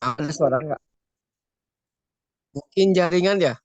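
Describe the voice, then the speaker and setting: A man's voice: fairly high pitch, measured pace, lo-fi sound. A man in an online class speaking politely and formally, his voice choppy and breaking up over a bad video call connection.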